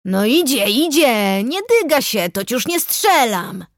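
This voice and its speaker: A towering, hot-tempered forester played by a woman narrator bellows in rough, rustic speech, his voice pushed up and loud. The audiobook recording is dry and close, with no room sound. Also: on the high side, big pitch swings, slow pace, no room sound, voice pushed up. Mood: gruff jovial. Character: huge bearded gruff male forester, hot-tempered.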